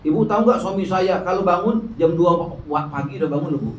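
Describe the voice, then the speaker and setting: A man's voice: high-pitched, quick pace, pitched below the performer's own voice, lightly acted. A man voicing a chatty middle-aged woman who brags about her pious husband and keeps calling her friend "ma'am", in an echoey hall from a distance. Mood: boastful gossip. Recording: echoey hall, distant mic, faint noise.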